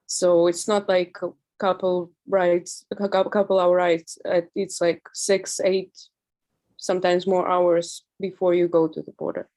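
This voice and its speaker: A young woman in her twenties with a Ukrainian accent, speaking earnestly and haltingly as an interview guest, with many fillers and restarts. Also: lowish voice, level tone, warm tone. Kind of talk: remote interview.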